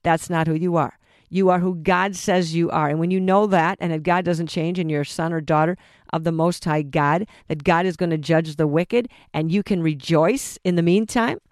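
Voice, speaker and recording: A man's voice: a little high, clean tone, dry recording, studio quality. A man preaching earnestly, urging listeners to forgive. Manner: earnest exhorting delivery. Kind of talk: preaching talk.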